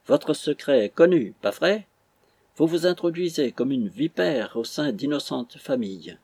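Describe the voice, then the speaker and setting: A man reading an audiobook, voicing an indignant, blustering captain who accuses and bullies in a husky voice. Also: mid-range voice, animated, measured pace, darkish tone, no room sound. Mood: sneering. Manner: accusing, bullying.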